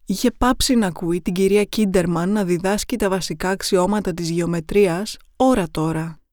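A woman narrator reading short horror stories in a measured, suspenseful style. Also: on the low side, a little mellow, dry recording, studio quality.

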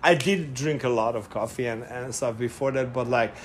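Speaking at normal speed in a medium-pitched voice, this middle-aged man from Hungary, with a Hungarian accent, is a casual interview guest. He hesitates, uses many fillers and restarts, and laughs frequently, with a little hiss or hum behind him.

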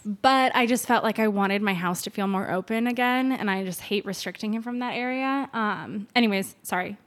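A woman's voice: mid-range voice, normal speed. A woman in her thirties co-hosting a podcast, chatting casually and rambling with fillers and asides. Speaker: podcast co-host. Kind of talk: casual chat.

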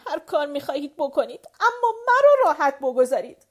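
A woman's voice: sits high, a bit bright. A woman reading an audiobook, voicing a tense young woman who is curt and scornful. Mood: tearful. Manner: curt, scornful, then pleading. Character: young woman, tense and tearful before her engagement.

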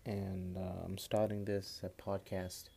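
A man in his late twenties with a Kashmiri accent hosts a podcast, speaking casually and haltingly in a personal monologue and often repeating words. His voice is low, level, creaky, mellow, and slightly rough, recorded on a phone.

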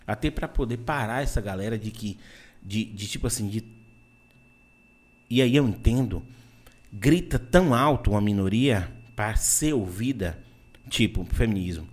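A man with a Brazilian Portuguese accent in casual opinion chat, emphatic and animated, often restarting his sentences. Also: on the low side, normal speed, pauses often.

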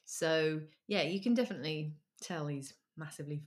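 A woman's voice: low voice, moderate pace. A woman hosting a casual music chat, giggly and rambling with lots of ums. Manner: chatty, giggly, trails off with ums. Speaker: podcast host.

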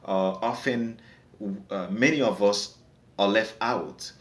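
In a casual podcast discussion, a guest from Haiti speaks slowly in a lowish voice with a reverberant sound. A native Creole speaker with a Haitian accent, he talks earnestly and frequently repeats words as he hunts for the right one.

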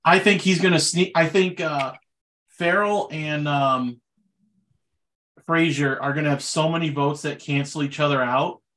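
A man co-hosting a podcast, chatting casually about movies in a relaxed way with loose fillers. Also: on the high side, measured pace. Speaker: podcast co-host.

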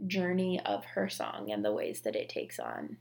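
Chatty woman with a creaky voice. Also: very deep voice, wildly swooping pitch, moderate pace, heavy background noise. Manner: chatty, many "like" fillers. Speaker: podcast co-host. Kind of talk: casual chat about scripture and fiction.

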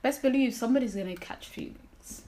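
A woman co-hosting a podcast in casual chat, slangy and animated, acting out quotes. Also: a little high, brisk. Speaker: podcast co-host.

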